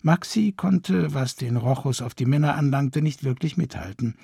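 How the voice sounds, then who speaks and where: A man's voice: mid-range voice, normal speed, creaky, mellow, breathy edge, dry recording, clean studio sound. A man narrating an audiobook in a wry, ornate storytelling manner. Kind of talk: scripted narration of a satirical historical novel.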